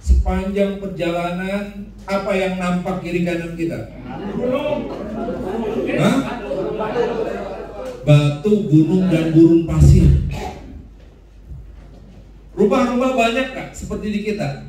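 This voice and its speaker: A man's voice: high voice, slow pace, long pauses, warm tone. A man teaching a class, joking and asking the room questions. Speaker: instructor. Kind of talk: classroom lecture with audience questions. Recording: echoey room, voice from far off the mic.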